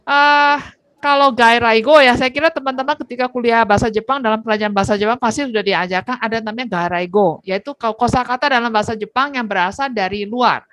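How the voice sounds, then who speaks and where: A woman's voice: a little high, fast talker, fairly bright tone, no echo. A woman lecturing on Japanese language in an informal online class, talking conversationally and tagging her sentences with "ya".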